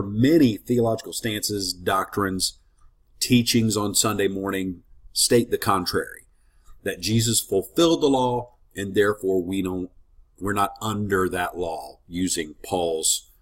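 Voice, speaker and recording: A man with a low, slightly rough voice leads a casual Bible teaching as a ministry teacher. He sounds a little congested and sniffles, keeping things friendly and conversational with rambling asides.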